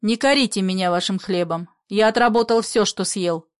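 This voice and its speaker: A woman voicing a calm, firm young man, speaking in a measured way, in a play reading. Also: mid-range voice, clear, resonant tone, no echo, clean studio sound, close to an everyday voice.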